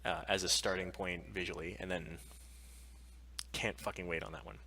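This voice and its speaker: A man co-hosts a casual pop-culture live stream podcast, talking in a sweary, enthusiastic, geeky way. His voice sits low with a steady, sharp tone at moderate pace, and the mic is distant.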